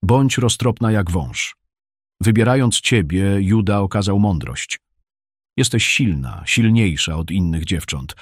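Low-voiced man reading a severe, commanding mother from ancient times, dry sound. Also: animated, a little slow, dry recording, exaggerated voice. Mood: persuasive. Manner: stern, commanding. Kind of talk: audiobook reading.

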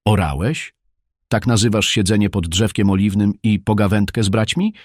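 A man voicing Kish, an irate older landowner who shouts at his son with scorn. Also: lowish voice, fairly even intonation, normal speed, no echo, clean studio sound, lightly acted. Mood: angry scornful.

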